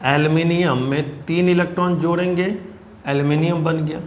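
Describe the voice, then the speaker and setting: A man teaching chemistry, explaining step by step, addressing students as children and reading English terms slowly. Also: fairly high pitch, steady tone, a little hiss or hum. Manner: reads English question lines slowly and deliberately. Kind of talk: blackboard lecture.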